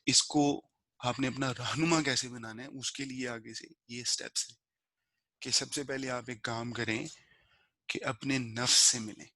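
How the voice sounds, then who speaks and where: Man, spiritual lesson, conversational explaining, medium-pitched voice, dry close sound. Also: fairly even intonation, bright, forceful tone, dry recording. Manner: explanatory, conversational, mixing in English words; slow measured recitation of a prayer verse. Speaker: teacher explaining a book of spiritual rules.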